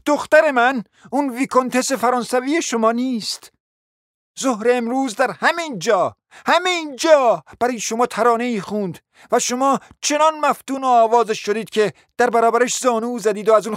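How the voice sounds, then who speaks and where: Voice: mid-range voice, no echo, studio quality, natural voice. A performer voicing an agitated, scheming middle-aged mother in a radio play, full of exclamations and pressing questions.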